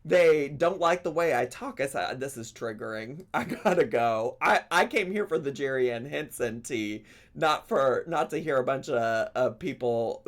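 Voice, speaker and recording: A commentary channel host reacts to clips in gossip commentary, chatty, sassy and laughing between his comments. He speaks in an animated, unhurried mid-range voice.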